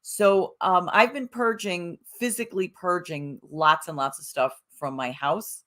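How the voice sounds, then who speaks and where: A woman's voice: fairly low pitch, measured pace, a bit bright. A middle-aged woman hosting a live-streamed self-help show, talking casually and bubbly to viewers, greeting them by name and rambling with fillers.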